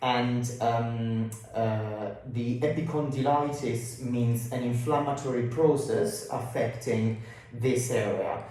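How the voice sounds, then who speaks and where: A man explaining as a clinician in a halting, informal way, slightly muffled through a face mask. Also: mid-range voice, steady tone, dark tone. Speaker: consultant osteopath and physiotherapist. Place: indoor room at a clinic. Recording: very echoey room, distant mic.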